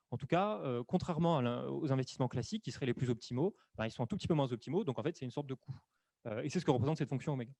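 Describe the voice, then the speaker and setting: A man's voice: mid-range voice, dark tone, dry recording. A man presenting an explanatory webinar on camera into a desk microphone, hesitant, with many fillers and self-corrections. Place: room at home or office, on camera.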